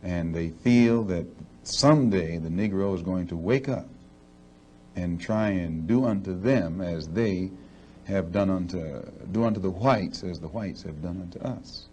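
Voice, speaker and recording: A man speaking in a measured, articulate interview style, deliberate, precise and firm as a movement's spokesman. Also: low voice, darkish tone, a little hiss or hum.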